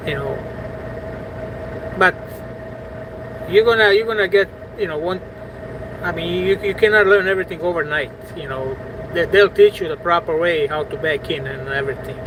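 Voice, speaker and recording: Sitting in his parked truck at a truck stop, a man from Bosnia talks casually to his livestream audience, looping back over what he says and filling it with "you know"s. His voice is a little high against a noisy background.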